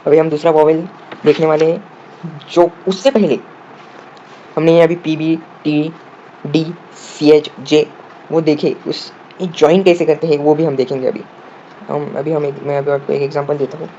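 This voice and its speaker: A man explains shorthand step by step, asking the viewer questions and answering them himself, sometimes spelling words out slowly. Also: a little high, flat delivery, mellow. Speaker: shorthand teacher. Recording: dull lo-fi audio with faint room noise.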